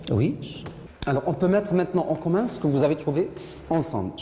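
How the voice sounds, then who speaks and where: A woman's voice: sits low, expressive, fairly quick. A woman teaching a French lesson to a class, asking questions, repeating students' answers and correcting their pronunciation. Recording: echoey classroom with loud noise.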